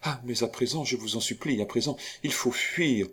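A man's voice: medium pitch, a little slow, pitched above the performer's own voice, natural voice. A man voicing a scheming young noblewoman who feigns distress, breathless and theatrical. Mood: urgent.

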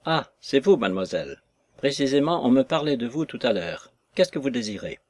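A male reader playing an older lawyer who stays calm, measured and unmoved. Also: mid-range voice. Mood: cold calm.

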